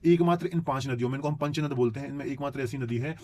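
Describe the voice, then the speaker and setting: A man teaching geography for exam prep, who keeps asking his students rhetorical check-in questions and clears his throat now and then. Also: medium pitch, racing, a little mellow, slight background noise. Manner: addresses students as children.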